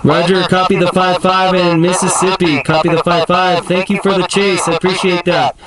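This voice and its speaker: A man's voice: sits high, level tone, normal speed, loud music behind the voice. A man acting as an amateur radio operator outdoors, courteously repeating call signs and signal reports in procedural radio style. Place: outdoors on a mountain summit. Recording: very noisy outdoor recording, radio hiss.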